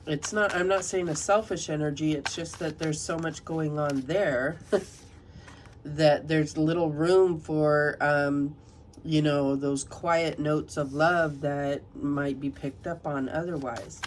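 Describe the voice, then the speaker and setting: A woman with a low-sitting voice and fairly even intonation reads tarot, softly and leisurely reciting passages from a guidebook. She sounds a little nasal from a cold, with slight noise in the background.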